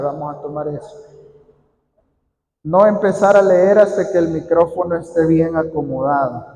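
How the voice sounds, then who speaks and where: A man's voice: fairly high pitch, mellow. A man leading a training workshop for church readers, talking informally to a group, repeating key points and answering questions from the room. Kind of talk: informal instructional talk to a group. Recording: echoey hall with long reverb.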